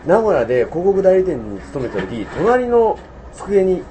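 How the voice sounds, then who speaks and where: A man hosting a casual chat, cutting in with quick remarks. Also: high voice, big pitch swings, mellow, slight background noise, poor audio. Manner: chatty, quick interjections.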